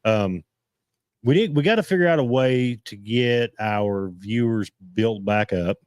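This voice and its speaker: A man hosting a casual live-stream chat, rambling and halting as he restarts his sentences. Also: medium pitch, darkish tone, no room sound, studio quality. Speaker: host.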